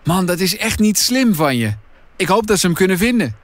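A man doing a stubborn, determined boy in an audiobook, speaking bluntly with a lifted, lively voice. He sounds sure of himself, recorded dry and close. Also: high voice, brisk, no echo, pitched above the performer's own voice.

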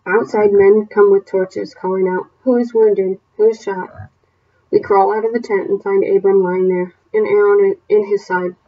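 A woman teacher reading a novel aloud to her class, then setting homework questions in a steady, plain voice with small self-corrections. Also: medium pitch, moderate pace, hardly any pauses, dull audio, slight background noise.

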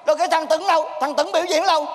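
A man's voice: extremely high pitch, fairly even intonation, rapid-fire. A man playing a troupe master in a stage comedy sketch, scolding in an exasperated, theatrical way. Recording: stage recording with long hall reverb.

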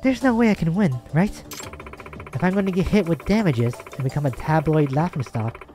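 A man's voice: a little high, expressive, normal speed, over music, pitched above the performer's own voice, natural voice. A man voicing a bitter, defeated woman client in a video game. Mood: bitter, resigned.

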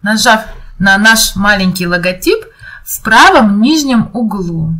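A woman presents a children's counting video, narrating for young kids in an encouraging, sing-song teacher's manner and asking the viewer questions. Her mid-range voice is animated and sharp in tone, at a measured pace.

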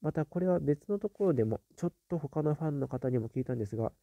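A man hosting a casual live stream, reading viewer comments aloud and musing on them with soft little fillers. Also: on the high side, lively intonation, fast talker, gravelly, no room sound, dull audio.

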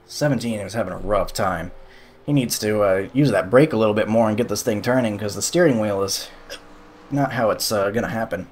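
A man's voice: lowish voice, a little fast, darkish tone, slight background noise. A young man giving casual, sarcastic commentary over a sim racing replay, exasperated at the calls.

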